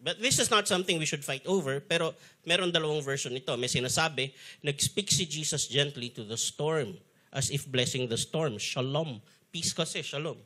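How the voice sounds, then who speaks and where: A man's voice: on the high side, moderate pace. A man with a Filipino accent preaching a sermon, mixing Tagalog and English and acting out the quotes he tells. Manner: animated storyteller, switching between Tagalog and English, acting out quotes. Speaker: pastor.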